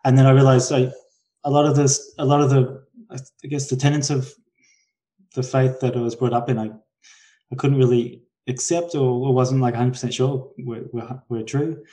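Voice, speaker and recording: This podcast guest, a Brisbane man in his forties with a Queensland accent, chats through a casual interview at a moderate pace. His warm, mid-range voice holds steady while he hesitates, keeps rephrasing and correcting himself, and leaves thoughts trailing.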